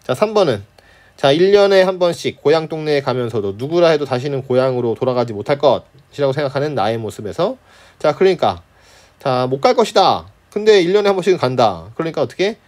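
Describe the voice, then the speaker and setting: With a medium-pitched, somewhat mellow voice and lively intonation, a man tutors students through a Korean literature exam. He keeps it conversational, peppers his walkthrough with "right?", scoffs at bad answer choices, and does quick character voices for fun.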